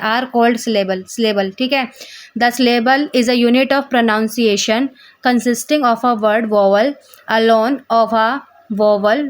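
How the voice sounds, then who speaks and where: A young woman gives a casual study lesson with a slightly high voice. She reads English notes out slowly, then rushes through her explanations. The tone is relaxed and talky, like a student tutoring others. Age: young adult. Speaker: law student teaching.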